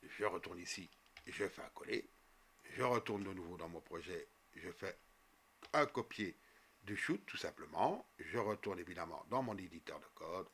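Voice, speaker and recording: A man walking viewers through a coding tutorial step by step as he types, with frequent fillers and quick self-corrections. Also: low-pitched, animated, fairly bright tone, husky. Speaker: programming tutor. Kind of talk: screen-recorded coding tutorial.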